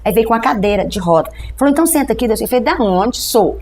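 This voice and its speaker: Middle-aged Brazilian woman pastor, rapid lively storyteller, acts out the dialogue, faint background noise. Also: a little high. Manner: animated storytelling, acting out dialogue with a doctor. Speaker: pastor, guest telling her testimony. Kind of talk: testimony in a podcast interview.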